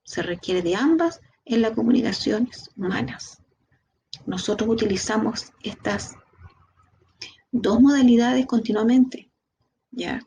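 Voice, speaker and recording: A woman with a Chilean Spanish accent giving a training lecture, lively, asking her students rhetorical questions. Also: a little high, a little slow, vocal fry, pauses often, slight background noise. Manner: lively, talks to the class directly with rhetorical questions. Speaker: instructor.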